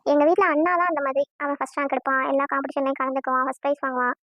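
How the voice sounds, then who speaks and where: Woman doing whiny young cartoon girl, super high voice, flat dull sound. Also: rapid-fire, no echo, natural voice. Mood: complaining. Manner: whiny, exasperated. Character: fretful young woman, college-bound, easily flustered.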